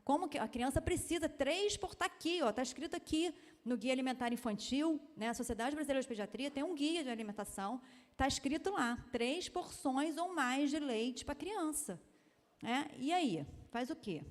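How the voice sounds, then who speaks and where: A Brazilian pediatrician giving a lecture, in a chatty way with many tag questions and quoted voices. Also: female voice, high voice, animated, moderate pace, in a large hall. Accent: Brazilian Portuguese. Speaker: pediatrician giving a seminar talk. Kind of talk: lecture talk. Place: university lecture hall.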